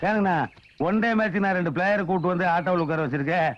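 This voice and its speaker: A man playing a rapid, wheedling comic fixer. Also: sits high, dull audio, lightly acted. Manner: rapid, wheedling, cheeky banter. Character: fast-talking scheming male comic fixer Johnson. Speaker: comic sidekick. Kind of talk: Tamil film comedy acting.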